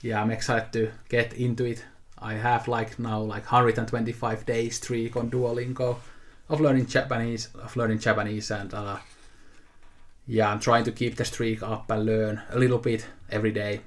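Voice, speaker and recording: A mid-range, flat-voiced man of 28, Finnish by first language, speaks at a moderate pace in unscripted chat to camera, showing things he got. He rambles in a relaxed way, frequently filling gaps and restarting sentences.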